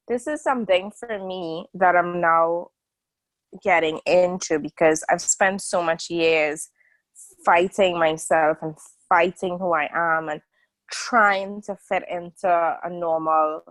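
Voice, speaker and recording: On a relaxed video call, a thirty-something woman from a small island nation talks as an interview guest, wandering through her answers with fillers and false starts. She speaks slowly in a lowish, fairly even voice, and the rough recording has no echo.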